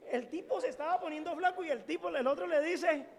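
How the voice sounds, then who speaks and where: A middle-aged man preaches to his congregation. His voice sits high and carries a gravelly edge. He tells stories casually and jokes as he goes, throwing questions out to the audience. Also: fast talker. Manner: colloquial, joking storytelling with questions to the audience. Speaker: pastor. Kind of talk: sermon.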